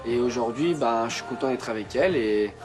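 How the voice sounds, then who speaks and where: A man's voice: medium pitch, fairly quick. A young man speaking casually in a reality show confessional. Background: music bed.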